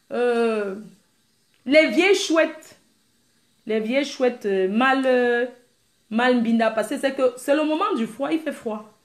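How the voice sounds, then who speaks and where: Brash, teasing female stream host with a high voice, recorded in an echoey room. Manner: brash, teasing, laughs often; animated, mimics crying sounds. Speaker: live-stream host answering viewers. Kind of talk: casual live-stream chat.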